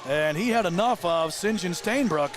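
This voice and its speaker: High-pitched male, rapid hockey play-by-play, excitable, live sports booth, faint music. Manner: excitable on big plays. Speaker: play-by-play commentator. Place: live at an ice rink.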